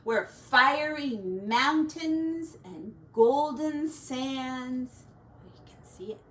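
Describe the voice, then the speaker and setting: With a high, slightly bright voice, a woman teacher gives an animated, extremely slow reading of a rhyming children's picture book. She lingers on key words and adds little asides for dramatic effect. Faint noise and roomy echo come through the distant mic.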